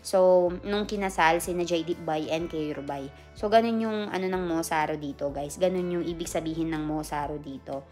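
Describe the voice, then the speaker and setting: A woman's voice: sits low, normal speed, a little mellow, soft background music. A woman vlogger casually explaining a family custom, chatty, with fillers and self-corrections. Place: busy event hall with a crowd and music.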